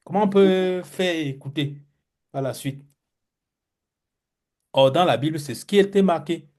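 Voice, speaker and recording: Male pastor, mellow warm tone, higher-pitched voice, lively teaching, stammers on words. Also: a little slow. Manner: animated teacher, acts out examples, stammers on words. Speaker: pastor teaching Biblical Hebrew. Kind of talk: classroom lesson.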